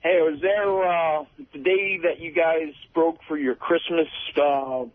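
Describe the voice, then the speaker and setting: A man's voice: on the high side, fairly even intonation, a little slow. A man calling in to a talk radio show, friendly and chatty. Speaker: caller. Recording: tinny phone line.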